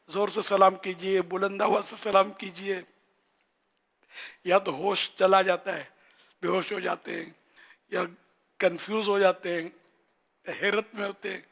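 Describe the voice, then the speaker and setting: An older man with a Pakistani Urdu accent, giving a religious talk to an audience in a conversational teaching manner, slowly demonstrating phrases. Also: sits high, fairly bright tone. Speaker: religious scholar.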